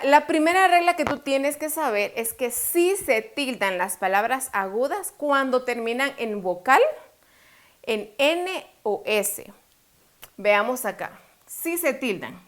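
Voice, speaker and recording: A woman teacher with a slightly high voice walks through a lesson step by step. She poses questions to the student and answers them herself, drawing out syllables to make a point. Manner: explains step by step, asks and answers her own questions; slows down to stress syllables. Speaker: Spanish teacher. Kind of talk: online lesson.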